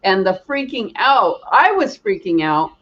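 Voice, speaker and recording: A woman energy healer hosting a chat and telling her own stories in a lively way, acting out what she and others said. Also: medium pitch, unhurried. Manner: animated, acts out quoted reactions. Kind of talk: casual storytelling chat. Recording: dull lo-fi sound.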